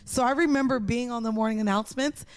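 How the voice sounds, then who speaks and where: A woman's voice: on the high side, quick pace, no room sound. Brief: woman co-host, brash, cracks jokes, swears, dry booth sound. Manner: brash, joking, swears freely. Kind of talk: casual chat.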